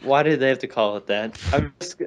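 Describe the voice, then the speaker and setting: A male podcast co-host chatting casually about games. He rambles, jokes, and often backtracks on what he just said, in a voice of ordinary pitch. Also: brisk, slight background noise. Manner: rambling, jokey, self-correcting. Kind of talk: casual chat.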